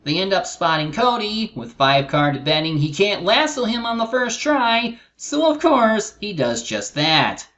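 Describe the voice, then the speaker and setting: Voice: mid-range voice, very animated, measured pace, hardly any pauses, fairly bright tone, muffled recording. A co-host narrating a scripted cartoon review, recapping the episode as commentary.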